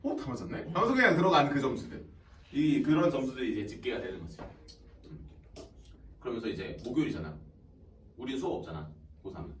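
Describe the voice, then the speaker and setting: A male high school teacher talking casually to his students, chatty and animated, often acting out students and teachers in quoted asides and laughing along the way. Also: fast, pauses often, slight background noise. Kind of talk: casual classroom talk to students. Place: classroom. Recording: roomy classroom sound from a distant mic.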